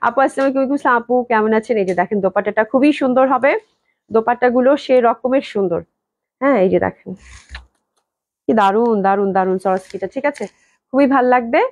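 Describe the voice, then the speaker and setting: A young woman, hoarse from a cold, gushing with repeated praise as she sells clothes on a live stream. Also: a little high, fast talker, no room sound. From Bangladesh. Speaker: online clothing seller.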